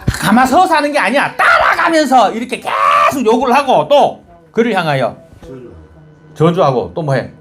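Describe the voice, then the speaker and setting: A man's voice: high-pitched, big pitch swings, normal speed, background noise. A male pastor with a Gyeongsang Korean accent telling a Bible story in his sermon, firing rhetorical questions at the congregation.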